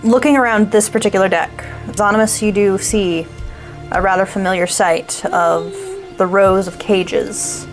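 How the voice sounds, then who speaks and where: A woman's voice: medium pitch, fairly even intonation, measured pace. A woman narrating a tabletop game as the game master, describing scenes and rulings to players. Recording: soft music behind.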